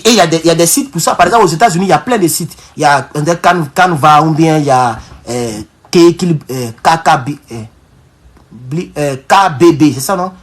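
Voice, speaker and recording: Speaking a little high and fairly quickly, a political livestream host with an African French accent addresses his audience as comrades again and again. He talks fervently and with emphasis, often repeating phrases and starting words over.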